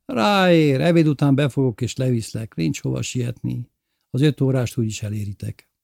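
A man reading aloud and voicing a worried, unshaven older village man who talks in a hushed, hurried way. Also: medium pitch, creaky, no echo, clean studio sound, pitched above the performer's own voice. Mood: earnest.

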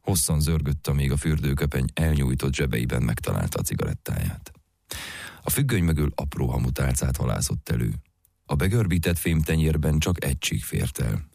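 A man reading literary fiction aloud in a measured, unhurried narration. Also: rumbling low, creaky, darkish tone, dry recording, studio quality. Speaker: audiobook reader.

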